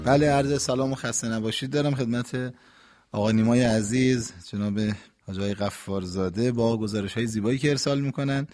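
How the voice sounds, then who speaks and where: Calm, didactic male radio host. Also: medium pitch, soft background music. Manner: calm, didactic, warm sign-offs. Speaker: radio host and religious expert. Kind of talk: radio talk, explaining prayer recitation.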